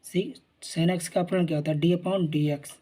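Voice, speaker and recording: Husky mellow-voiced math teacher. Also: male voice, fairly high pitch, fairly even intonation, unhurried. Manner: repeats "theek hai na", asks and answers his own questions. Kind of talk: explaining at a board.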